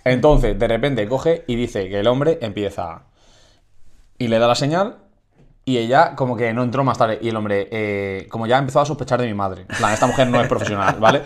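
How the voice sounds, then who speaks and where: A man tells a funny family story on a podcast. He talks casually and animatedly, jumping into other people's voices as he quotes them. His voice sits at an ordinary pitch. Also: normal speed. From Spain. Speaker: podcast co-host.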